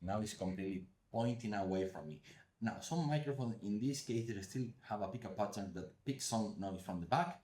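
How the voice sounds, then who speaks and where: Low-voiced man reviewing a mic. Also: animated, a little fast, a little mellow. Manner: chatty, loose phrasing. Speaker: gear reviewer. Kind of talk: casual product review. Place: home room with open window. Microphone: wireless lav mic under test.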